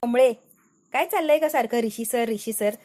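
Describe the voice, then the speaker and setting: A woman narrator quoting a bossy young village woman in a high voice, telling her friend off in brisk, scolding bursts. The voice stays close to the narrator's own, so it reads as a retold line and not as a staged character. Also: mellow, natural voice.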